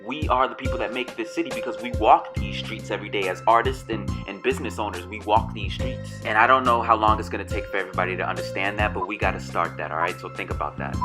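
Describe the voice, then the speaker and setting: A man's voice: fairly low pitch, fast talker, few pauses. A man from Detroit, an artist, leaving an earnest, urging voicemail message for a friend. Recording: music playing under the voice.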